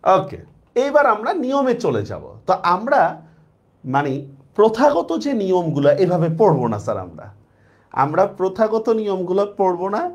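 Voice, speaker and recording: A man's voice: high-pitched, sing-song, normal speed. A man teaching an online class, repeating points and checking that students follow.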